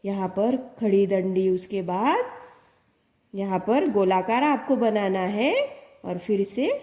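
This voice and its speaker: A woman teacher, slowly explaining a lesson to young children, sounding out letters and words and answering her own questions. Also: medium pitch, a little mellow, reverberant. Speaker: primary school Hindi teacher. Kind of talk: slow classroom explanation to children.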